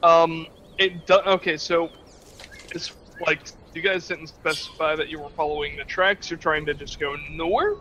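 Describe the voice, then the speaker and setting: A man's voice: fairly high pitch, fairly even intonation, moderate pace, bright, forceful tone, dull audio, slight background noise. A man acting as game master in a tabletop game, describing the scene in a rambling, hesitant way with many restarts.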